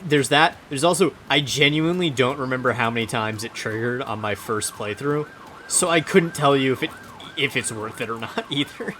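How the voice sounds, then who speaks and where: A man's voice: medium pitch, moderate pace, sharp tone, a little hiss or hum. A man hosting a casual gameplay chat, rambling and muttering to himself as he plays. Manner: chatty, rambling, mutters to himself while playing. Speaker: let's play host.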